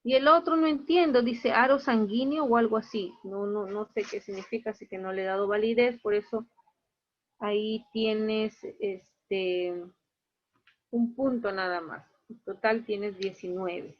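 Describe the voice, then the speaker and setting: In a muffled recording, a woman with a medium-pitched voice takes her time reviewing each student's grade in her online class. She explains every mark in a straightforward, matter-of-fact way.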